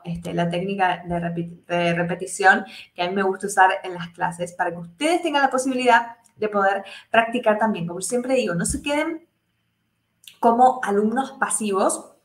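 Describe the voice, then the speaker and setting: A woman teaching English in a live class, explaining step by step, checking in with her students constantly and voicing the example sentences higher. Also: moderate pace, fairly bright tone, echoey room. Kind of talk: live online English lesson.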